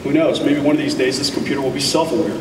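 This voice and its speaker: A man giving an enthusiastic tech keynote on a conference stage, speaking deliberately with emphatic pauses. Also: mid-range voice, far from the mic, noisy background. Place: large conference hall stage. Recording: echoey hall taped from audience.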